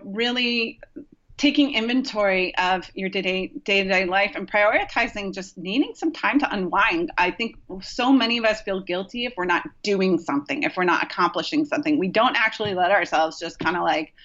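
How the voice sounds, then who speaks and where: A woman's voice: mid-range voice, moderate pace, fairly bright tone, muffled recording. A woman acupuncturist talking casually as a podcast guest, rambling with many fillers and restarts. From Rochester, New York.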